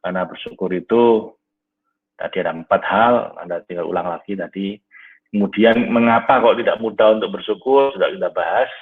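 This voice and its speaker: A man with a low, husky voice teaches a live online class over a tinny, phone-like line, taking questions from listeners. He talks fairly quickly in a warm, conversational lecturing style, often saying "Nah" and addressing "Bapak Ibu".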